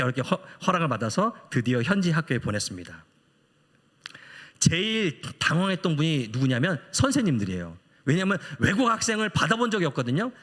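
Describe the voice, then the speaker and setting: Middle-aged man preaching with a lively, widely swinging pitch that sits a little high, his voice ringing with a long church-hall reverb. He tells his story animatedly, acting out the voices of the people in it. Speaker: missionary preacher. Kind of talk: storytelling sermon. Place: church sanctuary.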